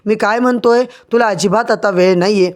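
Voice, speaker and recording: Male narrator as a stern elder brother: firm, commanding, high. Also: a little fast, natural voice.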